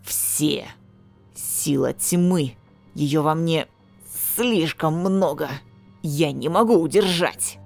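Possessed young man, low, slow, menacing growl, read by a woman, faint music. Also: gravelly, exaggerated voice. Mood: panicked. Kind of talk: audiobook character voice.

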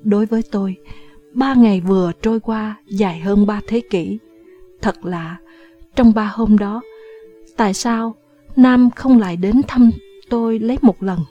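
A woman reading a novel aloud as an audiobook narrator, in a measured storytelling manner. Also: mid-range voice, warm tone, highs cut off. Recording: faint background music.

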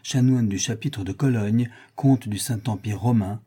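Dark husky guy reading an old novel aloud, slow and solemn. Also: on the low side. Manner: measured, solemn. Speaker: audiobook narrator. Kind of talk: literary audiobook narration.

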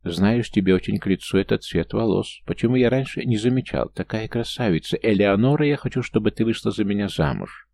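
Guy reading a smitten young man, breathless and adoring, dark low voice. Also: fairly quick, vocal fry. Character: young man, smitten cousin, lovestruck and ardent.

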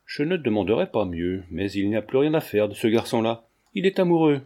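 A man reading a sly, teasing gentleman. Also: fairly low pitch, sing-song, a little fast. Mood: mocking. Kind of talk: audiobook character reading.

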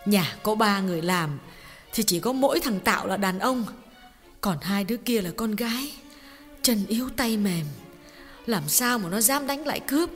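A woman voicing a grieving middle-aged mother in an audiobook drama, telling a painful story in a tearful, halting way with repeated words. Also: mid-range voice, animated, lightly acted. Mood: sorrowful. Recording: long reverb with background music.

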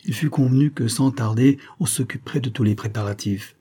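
A man reading a romantic novel aloud at a measured, even pace. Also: mid-range voice, husky. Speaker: audiobook reader.

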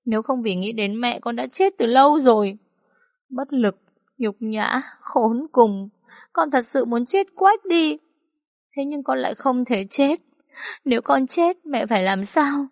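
Brief: woman narrator puts on a desperate young daughter, high pitched, anguished pleading. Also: lively intonation, measured pace, no echo, studio quality. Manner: anguished, breaking into high cries.

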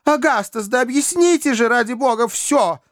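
A man voicing a tearful young woman pleading with her father in a high, breathless voice. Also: animated, normal speed, dry recording, studio quality.

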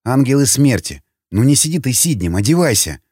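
Guy doing a gloomy blunt survivor dude, mid pitch, dry sound. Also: very animated, brisk, a little mellow, slightly rough, no room sound. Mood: grim. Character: grim, irritable male survivor.

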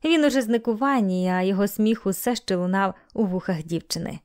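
Female audiobook narrator, steady and even, plain scripted reading. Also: mid-range voice, fairly quick.

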